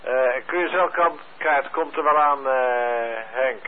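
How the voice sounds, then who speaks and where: A man running an amateur radio net on air, heard over a two-way radio link, easygoing, spelling out call signs with frequent filler pauses. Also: mid-range voice. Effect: heard over a two-way radio transmission. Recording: tinny radio-band sound with faint hiss.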